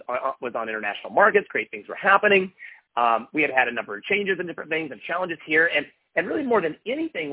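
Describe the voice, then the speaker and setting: A man's voice: on the high side, gravelly, slightly rough. A middle-aged man giving a motivational business talk as a company executive, with polished, upbeat corporate enthusiasm and emphatic delivery. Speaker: company executive addressing distributors. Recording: thin, muffled telephone line.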